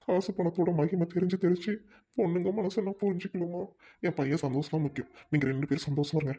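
Here is a man voicing a softened, remorseful widowed father in an amateur drama. The voice sits somewhat high and sounds mellow and dark in tone. Every word comes slowly and heavily, like an apology. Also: steady tone, breathy edge. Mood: tender.

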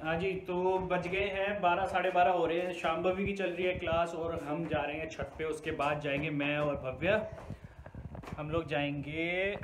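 A man's voice: fairly high pitch, steady tone, moderate pace, background noise. A young man chatting casually to his viewers in a vlog, talking straight to the camera and teasing the people around him. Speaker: vlogger.

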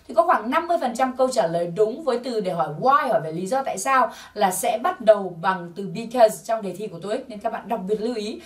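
A woman teaching an English test-prep lesson, slowly drilling English words for learners to repeat. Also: fairly high pitch, far from the mic. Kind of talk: scripted language lesson.

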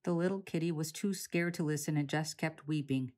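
A woman reads a children's storybook aloud at a slow, deliberate pace, calm and clear. Her voice sits fairly low, and soft guitar plays faintly behind her. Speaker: author reading her book.

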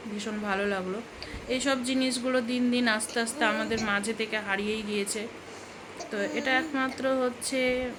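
Woman from Bengal, thirties, casual rambling home-vlog talk, a bit high, noisy phone recording at home. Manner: chatty, rambling, soothes a fussing toddler. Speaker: vlogger. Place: home room with fans running.

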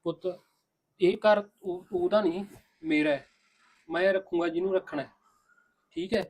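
A man's voice: sits high, fairly even intonation, moderate pace, husky. An actor playing an older, protective father-in-law who reassures his daughter-in-law and scolds his son. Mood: reassuring. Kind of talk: village family drama acting.

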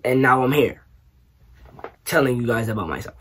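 A young man from New York, raised partly in Trinidad, answering questions in a casual vlog, animated and joking with lots of slang. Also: medium pitch, normal speed, slight background noise. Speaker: YouTuber. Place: small bedroom, indoors.

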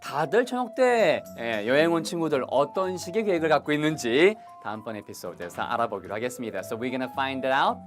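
A language teacher giving a recorded video lesson in a lively way, often checking that viewers are following. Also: mid-range voice, normal speed, few pauses, faint music behind. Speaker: English teacher.

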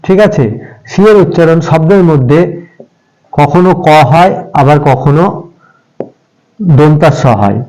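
A man's voice: a little high, a little slow, long pauses, mellow, poor audio. A man teaching English pronunciation to children, patiently repeating and spelling out each example word. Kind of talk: step-by-step spoken lesson for children.

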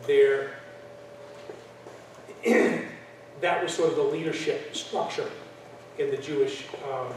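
A man's voice: a little high, a little mellow. A man teaching a church class in a conversational lecture style, with frequent fillers and restarts. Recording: echoey room from far off, faint noise.

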